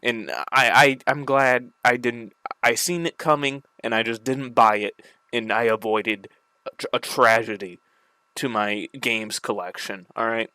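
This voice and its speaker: A man's voice: mid-range voice, steady tone, a little slow, sharp tone, smooth, no room sound. A man ranting casually about video games, annoyed and swearing freely, with a slight lisp from the retainers he is wearing. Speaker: gaming video creator. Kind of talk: casual rant to camera.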